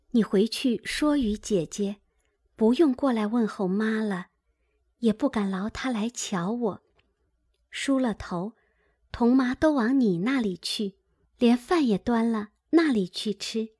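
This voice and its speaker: A woman reading the quiet, gentle lines of a frail young noblewoman. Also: on the high side, slow pace, husky, no echo, clean studio sound.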